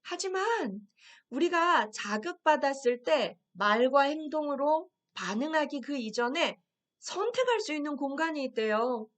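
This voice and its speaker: Woman instructor with a slightly high voice, gentle and direct, leads a guided affirmation lesson. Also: animated. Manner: gentle, addresses viewers directly, reads phrases slowly. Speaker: health program instructor.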